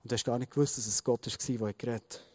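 A man with a Swiss German accent giving a sermon, reading a Bible story and speaking straight to the listener in a lively way. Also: mid-range voice, rapid-fire, dry recording. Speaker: preacher.

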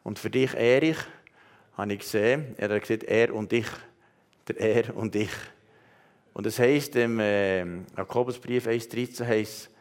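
A man's voice: fairly low pitch, steady tone, unhurried. A man with a Swiss German accent preaching, giving earnest prophetic words straight to people in the congregation, with frequent hesitations. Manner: earnest, addresses listeners directly, many hesitations. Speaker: pastor.

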